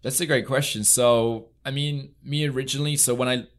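In a podcast studio, an equestrian entrepreneur from England, a young man, tells his stories with earnest sincerity and plenty of filler words. His mid-range voice moves fairly quickly with mostly even intonation during this relaxed interview chat.

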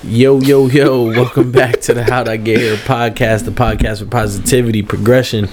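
A man's voice: mid-range voice, flat delivery, normal speed, darkish tone, a little hiss or hum. A young man co-hosting a casual podcast, joking with playful slang. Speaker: podcast co-host. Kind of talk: casual chat.

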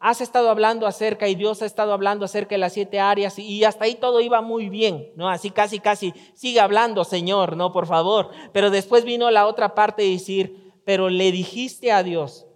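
High-voiced man preaching in a church hall. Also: fairly even intonation, a little fast. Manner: conversational preaching with acted-out quotes. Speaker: pastor. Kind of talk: sermon.

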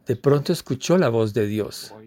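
A man telling a parable slowly, in short measured phrases, as part of a sermon. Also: mid-range voice, expressive, mellow.

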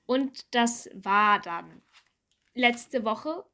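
A woman's voice: fairly high pitch, extremely slow, sharp tone. A young woman co-hosting a casual podcast chat, telling stories in an enthusiastic, chatty way. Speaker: podcast co-host.

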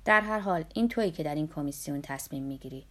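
A woman reading the lines of an urbane, skeptical gentleman in an audiobook, measured and gently ironic. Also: sits low, expressive.

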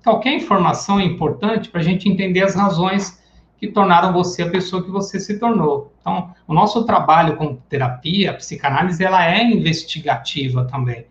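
A man's voice: high-pitched, normal speed, slight background noise. A man teaching psychoanalysis in a live online lecture. He talks in a casual, chatty way and acts out everyday examples. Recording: echoey room, dull lo-fi sound.

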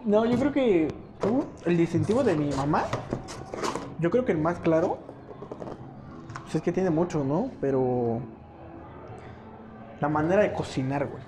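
Man, Mexican accent, young adult, casual podcast host, slightly high voice, noisy recording. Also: lively intonation, a little slow, long pauses. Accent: Mexican Spanish. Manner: slangy, asks leading questions, frequent restarts. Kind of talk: casual chat among friends.

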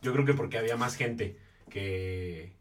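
A man's voice: fairly low pitch, a crowd in the background. A young man with a Mexican accent, chatting and teasing casually as a podcast host. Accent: Mexican Spanish. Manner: fast, slangy, teasing. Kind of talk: casual chat. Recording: distant mic with faint noise.

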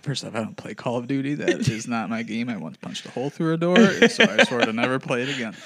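A man's voice: medium pitch, animated, fast, bright, forceful tone. A young man, a podcast co-host, chatting casually, laughing often and mocking himself. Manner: laughs a lot, reluctant and self-mocking. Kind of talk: casual chat.

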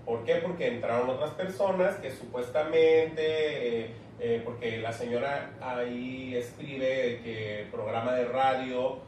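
A young Mexican man co-hosting a casual chat, telling a slangy, animated story. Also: slow pace, few pauses. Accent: Mexican Spanish. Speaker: co-host. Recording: echoey room, far from mic, faint rumble.

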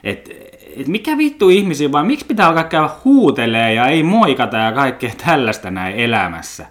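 A man's voice: medium pitch, big pitch swings, fairly bright tone. Blunt, swearing Finnish podcast man. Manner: blunt, swears a lot, loose and joking, trips over words. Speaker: podcast host. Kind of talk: casual rambling monologue.

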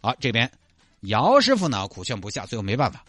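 A man with a Sichuanese accent narrating a comic story in a low, relaxed, conversational way. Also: a little fast, dry recording, soft background music.

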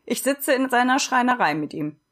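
A woman reading a storybook aloud and voicing a calm, self-assured little wooden girl who speaks in a matter-of-fact way. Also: a little high, moderate pace, voice pushed up.

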